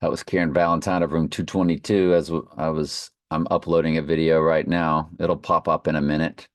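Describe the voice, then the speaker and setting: A man's voice: extremely low pitch, level tone, moderate pace, no echo, clean studio sound. A man leading an informal Bible study, reading and commenting off the cuff, slightly slurring because half his mouth is numb from the dentist. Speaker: online Bible study host.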